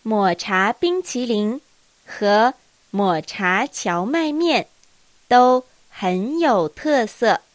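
A woman teaching a language lesson, reading dialogue lines with careful, deliberate enunciation. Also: on the high side, animated, no echo.

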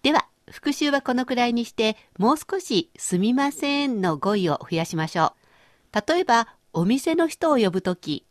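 A woman hosting a radio language lesson, explaining phrases clearly and chatting with her co-teacher. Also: a little high, lively intonation, normal speed, no echo, studio quality. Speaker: language course host.

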